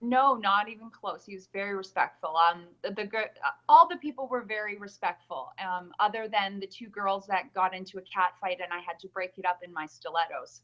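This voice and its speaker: Over dull lo-fi call audio, a woman guest speaks in a mid-range voice, a little fast and with hardly any pauses. She is a Calgary nurse and pageant winner with a mild Albertan accent, answering casual interview questions earnestly with frequent ums.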